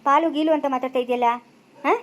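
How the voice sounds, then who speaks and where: A woman's voice: high-pitched, fairly even intonation, fast, natural voice. A woman playing a stern younger brother who lectures his sister in a family drama, speaking with a rural Chikkaballapura Kannada accent. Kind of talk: village family drama skit.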